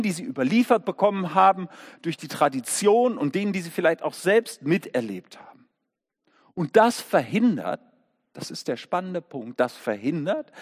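A man preaching a sermon, telling the story vividly and asking his listeners rhetorical questions. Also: sits high. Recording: long echoing church reverb.

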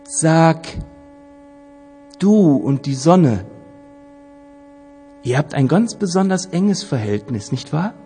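A man's voice: on the high side, lively intonation, slow pace, pauses often, mellow, slight background noise, voice pushed up. A man voicing a sly, scheming male star who insinuates and goads, recorded with long hall reverb. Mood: mocking. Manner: wheedling, insinuating, rising to goading.

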